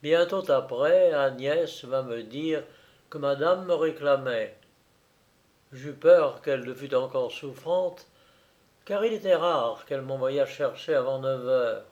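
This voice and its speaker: A man reading a novel aloud as an audiobook, in measured, suspenseful scripted narration. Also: medium pitch, darkish tone, dull audio. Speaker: audiobook reader.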